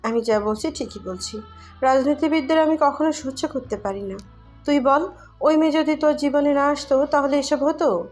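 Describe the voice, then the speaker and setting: A woman's voice: sits high, moderate pace, darkish tone, faint music behind, pitched above the performer's own voice, natural voice. A woman voicing a middle-aged mother who scolds and accuses, overprotective of her son. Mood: tearful, accusing.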